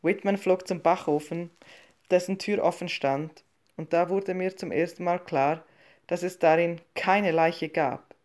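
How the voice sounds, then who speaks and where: A woman narrating a short story as an audiobook reading, in a calm, measured and subdued way. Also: lowish voice.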